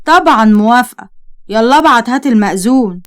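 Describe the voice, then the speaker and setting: A woman's voice: on the high side, animated, fast, close to an everyday voice. A woman with an Egyptian accent voicing a blunt young woman who chides the others. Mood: chiding. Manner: blunt, chiding.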